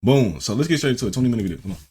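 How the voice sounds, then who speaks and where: A man's voice: mid-range voice, animated, rapid-fire, warm tone, husky. A man hosting a gaming channel, chatting casually in slangy, laid-back talk. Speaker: YouTube gaming channel host. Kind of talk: casual reaction commentary.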